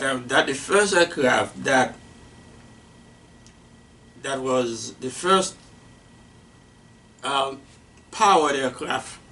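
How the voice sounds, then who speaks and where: A man giving an unscripted lecture on flight history, halting and repeating himself with many fillers. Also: mid-range voice, fairly bright tone. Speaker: aviation instructor. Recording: distant mic with faint noise.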